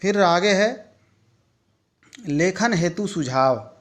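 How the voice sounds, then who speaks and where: Slow, deliberate male Hindi lecturer. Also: high voice, lively intonation. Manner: measured, listing points one by one with pauses. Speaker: teacher educator. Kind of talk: slow lecture reading from notes.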